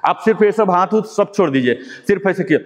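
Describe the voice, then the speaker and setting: A man teaching a live yoga class, his slightly high voice ringing with a long echo off the room. He breaks every step down patiently, repeating key words and dropping English terms into his explanations. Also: expressive, quick pace. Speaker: yoga instructor. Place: yoga class with students present. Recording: long echoing room reverb.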